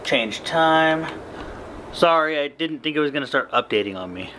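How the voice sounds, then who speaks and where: A man in his thirties, vlogging casually in a small hotel room late at night, talking slowly and rambling with lots of fillers because he is very tired. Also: a little high, expressive, bright, forceful tone, a little hiss or hum. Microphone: handheld camera close to face.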